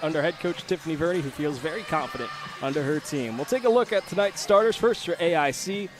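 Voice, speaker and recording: A man's voice: a little high, animated, fast talker, over music. A man broadcasting a college volleyball preview, steadily reading team notes and starting lineups. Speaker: play-by-play broadcaster. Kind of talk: pregame sports broadcast preview.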